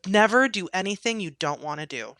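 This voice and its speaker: A woman's voice: medium pitch, animated, fairly quick, fairly bright tone, dry recording, clean studio sound. A woman hosting a podcast, talking candidly and laughing easily in casual chat. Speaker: podcast host.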